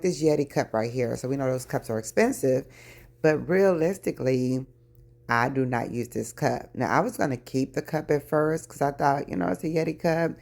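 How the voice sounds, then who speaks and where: Casting: low-pitched middle-aged woman, chatty home vlogger, early morning voice. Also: creaky, a little mellow. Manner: chatty, addresses viewers as y'all. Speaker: lifestyle vlogger. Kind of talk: casual chat while decluttering.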